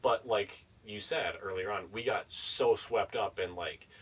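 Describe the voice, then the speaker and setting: A man's voice: lowish voice, measured pace, a bit bright, husky, distant mic, poor audio. Rambling young man, a bit off mic. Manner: rambling, swearing, laughing. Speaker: podcast co-host. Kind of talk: casual chat.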